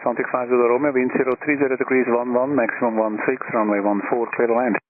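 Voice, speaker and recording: A man's voice: mid-range voice, little pitch movement, fast. A man working as an air traffic controller, giving clipped, procedural instructions over aviation radio. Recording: tinny narrowband radio, faint static.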